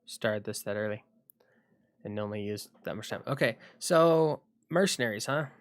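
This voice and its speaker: Low-voiced man thinking aloud on stream. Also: animated, no room sound, clean studio sound. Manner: rambling, thinking aloud with frequent pauses. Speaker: livestreamer. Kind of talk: casual solo livestream chat.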